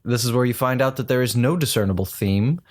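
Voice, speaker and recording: Man hosting a casual podcast quiz. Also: medium pitch. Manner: reads trivia answers briskly. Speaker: quiz host.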